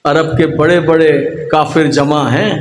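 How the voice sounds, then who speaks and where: A man's voice: a little high, fairly even intonation. A man from Pakistan delivering a Shia majlis sermon as a dramatic storyteller who acts out the dialogue. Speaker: preacher. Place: large imambargah hall. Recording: echoey hall with faint noise.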